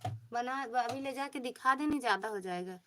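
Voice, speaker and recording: A woman's voice: on the high side, moderate pace, bright, forceful tone, a little hiss or hum. A woman host, chatting casually on a phone livestream, greeting viewers by name and coaxing them. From Pratapgarh, Uttar Pradesh. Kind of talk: casual livestream chat, reading viewer comments.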